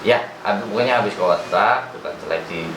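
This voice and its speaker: Low-voiced Jakarta-area man, echoey noisy room. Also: brisk, a bit bright. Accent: Jakarta-area Indonesian. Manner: short answers, often repeated. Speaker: guest, firefighter and fire truck operator. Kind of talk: casual chat. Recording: echoey room with clear background noise.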